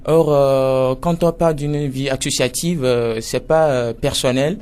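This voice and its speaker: Association president, measured. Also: male voice, medium pitch, steady tone, darkish tone, clear, resonant tone. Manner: measured, plain, with fillers. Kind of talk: radio interview.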